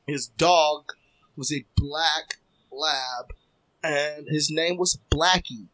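A man in casual podcast chat spins an animated story, jumping into the voices of the people in it. His voice sits a little high and comes across bright and forceful. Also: very slow. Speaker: podcast co-host.

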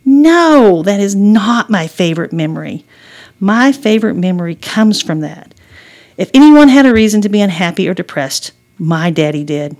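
A woman's voice: mid-range voice, expressive, moderate pace, a little mellow, lightly acted. A woman voicing a teasing mother in a read-aloud story, with dry, sarcastic humor. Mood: reminiscing. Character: wry, teasing mother driving her daughter.

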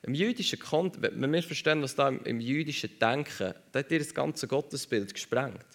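A male preacher delivers a sermon in a gravelly, middle-pitched voice. He speaks with emphasis and drives points home by repeating his phrases. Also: expressive, moderate pace.

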